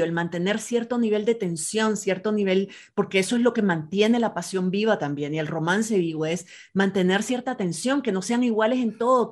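A woman hosts a podcast conversation. She sets out her views point by point in a reflective, conversational tone, with a voice of ordinary pitch for a woman. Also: a little mellow. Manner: reflective, explains ideas point by point. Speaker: podcast host. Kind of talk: casual conversation.

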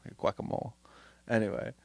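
A man's voice: a little fast, no echo. A young man chatting casually, telling stories animatedly and acting out the lines of the people in them. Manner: animated storyteller, acts out dialogue. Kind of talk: casual chat.

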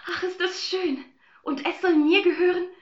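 A woman's voice: steady tone, moderate pace, reverberant, highs cut off. A woman doing a sweet plaintive fairy-tale girl. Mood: wistful. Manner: high, plaintive and wistful. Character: gentle, sweet young girl heroine.

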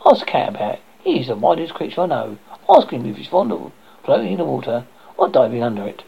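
A reader voicing a bossy, scornful little hen who lectures in a gravelly, husky voice. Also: medium pitch, very animated, quick pace, dull audio, full character voice. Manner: lecturing, haughty.

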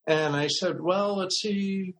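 An older man, a lawyer and mediator, telling a story in a relaxed, anecdotal way as a podcast guest, acting out the voices he quotes. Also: sits high, takes it slowly, slight background noise, rough recording.

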